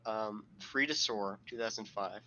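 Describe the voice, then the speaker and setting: A man's voice: on the low side, unhurried, sharp tone, slight background noise, rough recording. A man co-hosting a casual podcast, reading quotes aloud with sardonic asides and frequent laughter. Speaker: podcast co-host.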